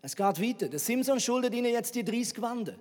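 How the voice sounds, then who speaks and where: A man, preaching a sermon as a lively, sarcastic Bible retelling full of rhetorical questions. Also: extremely high pitch, quick pace. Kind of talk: sermon storytelling. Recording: reverberant hall.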